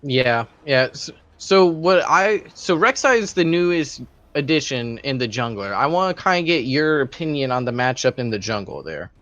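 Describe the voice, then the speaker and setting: A man's voice: mid-range voice, animated, moderate pace, few pauses, a bit bright, no room sound. A man giving playful, hyped color commentary on an esports final. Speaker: esports co-caster. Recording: dull, dry mic.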